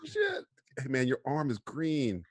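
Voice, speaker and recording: Man in giggly stoner banter, swooping pitch. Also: sing-song, slow, slightly rough. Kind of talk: joking casual banter.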